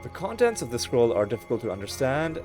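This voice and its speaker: A man's voice: mid-range voice, big pitch swings, fast talker, a little mellow, soft background music. A man hosting a let's play, talking through a game casually with wry, rambling asides and frequent self-corrections. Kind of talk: casual gameplay commentary.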